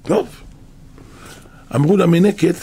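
A man preaching a sermon, telling a parable with animated, repetitive emphasis. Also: sits high, slight background noise.

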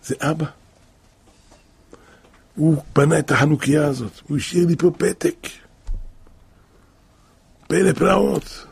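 A man with a fairly high voice tells a story, gravelly and deeply husky in tone. He speaks emotively and pushes harder as the tale reaches its dramatic points. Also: long pauses, no room sound. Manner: emotive, grows louder and more intense at dramatic points. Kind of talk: spoken storytelling.

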